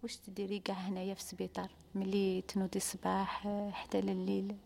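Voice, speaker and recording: A woman's voice: mid-range voice, completely flat delivery, fast talker, creaky, a little mellow. A woman with an Algerian accent interviewing people, probing and repeating her questions to coax answers. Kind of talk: street-style interview, questioning.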